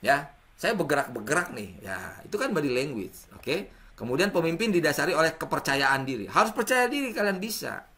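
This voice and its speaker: Bright-voiced man lecturing students. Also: medium pitch. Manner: lively, addresses students directly, acts out examples. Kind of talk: classroom lecture.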